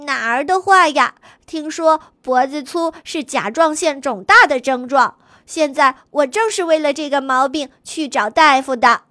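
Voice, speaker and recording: A woman's voice: high-pitched, unhurried, bright, forceful tone, dry recording, studio quality. A woman voicing a little young male goose who answers wryly in a storybook. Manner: wry, explaining.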